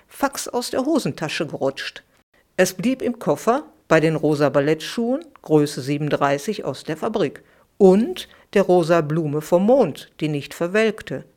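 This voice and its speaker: A middle-aged woman, a children's author, reading her own bedtime story aloud for a podcast in a lively, expressive way. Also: deep voice.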